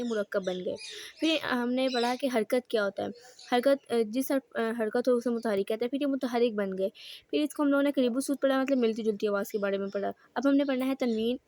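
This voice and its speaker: A woman teaching Quran reading in a slow, patient lesson, spelling out each sound and repeating it. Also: fairly high pitch, darkish tone.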